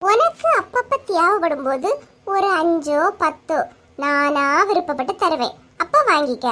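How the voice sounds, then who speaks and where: A woman's voice: sits high, animated, normal speed, sharp tone, voice pushed down. A woman doing a bossy cartoon mother. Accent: Kanyakumari Tamil. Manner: coaxing, bossy, talks down to her kids. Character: scheming, bossy village mother. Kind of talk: cartoon voice acting.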